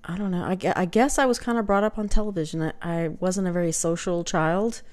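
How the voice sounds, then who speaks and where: Speaking fairly quickly into the webcam on her desk, a middle-aged vlogger from Texas chats in a fairly low, darkish voice with fairly even intonation and a light Texas accent. She is indoors in a small home room with shelves. Her talk is casual and self-deprecating, full of fillers.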